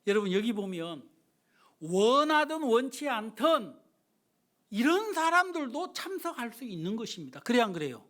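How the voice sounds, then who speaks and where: A man's voice: extremely high pitch, sing-song, moderate pace, a bit bright. A man preaching a sermon as pastor, telling a story animatedly and acting out its dialogue.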